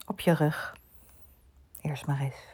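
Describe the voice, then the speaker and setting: Woman, sleep meditation guide, very slow pace, soft half-whispered delivery, mellow breathy voice. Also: low voice, fairly even intonation.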